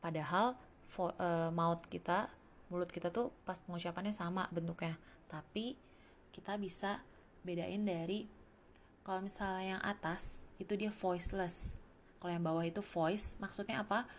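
A woman's voice: lowish voice, steady tone, moderate pace, pauses often, slight background noise. A woman teaching English pronunciation in a casual lesson, demonstrating sounds one by one.

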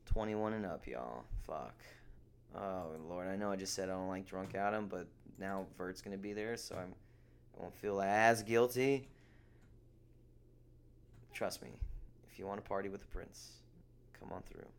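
A young man rambles through his solo podcast, swearing freely and turning sarcastic at the things that annoy him. He talks slowly in a slightly low voice. Faint ambient hum sits behind him. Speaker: podcast host. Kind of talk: casual solo podcast rant.

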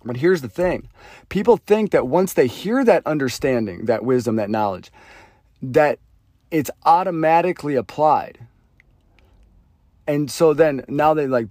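A man talks alone into the mic, thinking aloud in an earnest, meandering way and often trailing off softly. His voice sits at an ordinary middle pitch. The sound is dry and close, with no room around it. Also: no echo. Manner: rambling, heavy with fillers, trails off quietly. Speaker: podcast host. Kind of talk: reflective solo monologue.

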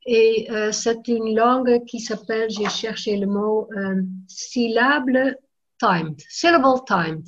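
A Dutch-native woman, a language teacher, talks slowly and hesitantly in a casual chat, stopping to look for words and dropping in English yeahs. The recording sounds dull and lo-fi. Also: fairly high pitch.

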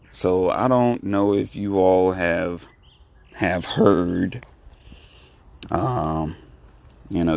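A man hosting a solo podcast in casual talk, keeping his voice low and hushed, in halting short phrases. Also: gravelly. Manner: low, hushed talking so as not to disturb someone. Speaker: podcast host.

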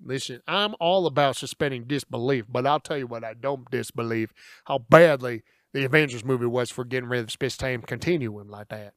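A young man on a casual podcast who rambles loudly and works himself into mock outrage. His voice sits at a middle pitch and is recorded close and dry, with no room sound. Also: a little fast, dry recording. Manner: loud, rambling, exaggerated outrage. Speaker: podcast co-host. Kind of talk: casual chat.

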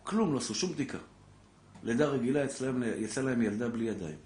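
A man, a rabbi, giving an impassioned Torah class to a live audience, calling listeners brother and building to loud exhortation. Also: mid-range voice, animated. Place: lecture room with a live audience. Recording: echoey room with faint background noise.

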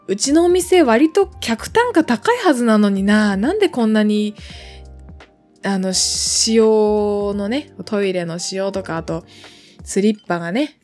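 A woman's voice: medium pitch, a little mellow. Chatty young woman podcaster. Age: 20s. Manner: chatty, rambling with many fillers and asides. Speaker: podcast host. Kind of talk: casual solo podcast talk.

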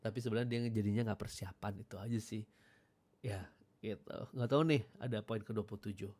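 Casual low-voiced radio man. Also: steady tone, fast, darkish tone. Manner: casual, mixes English phrases, clears throat often. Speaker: radio announcer giving tips. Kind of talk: casual Jakarta-slang talk.

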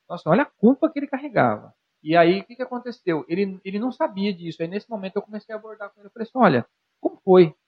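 Brazilian male psychologist, husky, rapid, animated explainer, lo-fi sound. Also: sits high. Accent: Brazilian Portuguese. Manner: animated, talks to the listener directly with rhetorical questions. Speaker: psychologist guest. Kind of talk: conversational explaining with examples. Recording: dull lo-fi sound.

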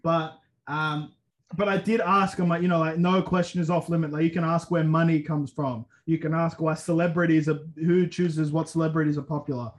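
Young male podcast host, crude and rambling, slightly high-pitched. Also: little pitch movement, brisk, low-quality recording. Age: 20s. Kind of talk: casual podcast chat.

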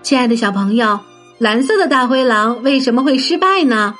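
A woman narrating a children's story in a gentle, sing-song manner, addressing young listeners. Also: a little high, lively intonation, normal speed. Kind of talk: scripted bedtime story narration. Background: soft background music.

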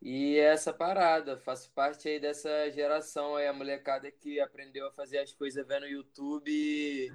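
A man in his twenties from Brazil, a musician guest talking in a relaxed, reflective way about his path. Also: fairly high pitch, normal speed, few pauses, clean tone. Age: 20s. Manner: relaxed, reflective, rambling with fillers. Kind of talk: casual interview.

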